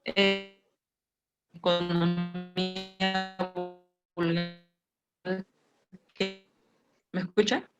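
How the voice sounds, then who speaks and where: A hesitant woman talks very slowly, in a flat, even tone, over a choppy video call that keeps breaking up. Her audio is dull and lo-fi. Guitar music plays clearly behind her. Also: fairly low pitch. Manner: hesitant, halting. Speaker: student. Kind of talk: online class participation.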